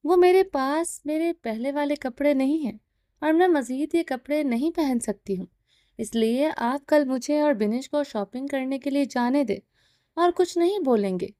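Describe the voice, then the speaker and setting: A woman reading the lines of a defiant, sharp-tongued young wife who answers back indignantly, in a storybook reading. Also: sits high, dry recording, studio quality, lightly acted. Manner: indignant, quick retorts.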